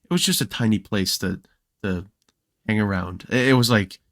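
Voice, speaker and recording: A young man talking as a podcast guest, telling stories in a relaxed way with lots of fillers and restarts. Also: fairly low pitch, moderate pace, no echo, clean studio sound. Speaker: podcast guest, Minecraft creator. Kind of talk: casual podcast chat.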